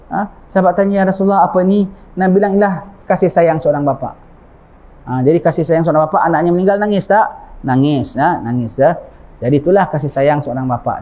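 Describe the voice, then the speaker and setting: Speaking in a fairly high, darkish voice, a Malaysian Malay-accented preacher gives a relaxed religious talk. He often turns to the audience with a questioning "ha?" in a conversational way.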